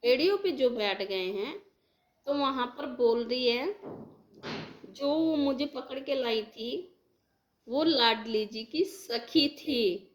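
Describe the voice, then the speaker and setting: A woman's voice: high-pitched, expressive, takes it slowly, pauses often. A woman earnestly retelling a devotional dream to her followers in a rambling, heartfelt, casual way. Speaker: devotional storyteller.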